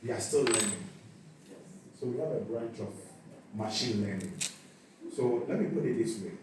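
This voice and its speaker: A man with a Ghanaian accent speaks at a church youth session, his fairly low, expressive voice at a normal pace. He often repeats a word while hunting for the next one, then speeds up, and the echoey church hall, distant mic and noisy background all come through.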